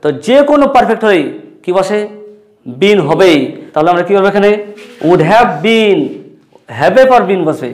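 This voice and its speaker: A man's voice: sits high, expressive, moderate pace, pauses often, faint music behind. A man with a Bengali accent teaching English grammar, asking questions and answering them himself while repeating key words. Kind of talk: classroom-style lesson.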